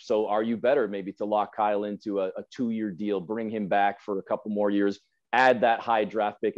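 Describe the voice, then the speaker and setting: Joining a podcast by video call from home, a man in his forties delivers emphatic, opinionated sports talk, repeating phrases for effect. His voice is low and somewhat dark, and the call audio sounds a little dull.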